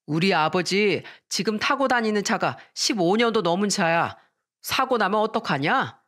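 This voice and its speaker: A woman's voice: mid-range voice, animated, moderate pace, a bit bright, close to an everyday voice. A woman voicing a smug, careless husband who brushes off his wife in a dramatized story reading. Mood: dismissive. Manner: dismissive, self-justifying.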